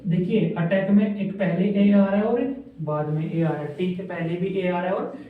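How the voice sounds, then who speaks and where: A man's voice: high voice, fairly even intonation, normal speed. A man teaching a shorthand class who drills sounds aloud and answers his own questions. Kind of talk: classroom lesson. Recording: echoey room, distant mic, dull sound.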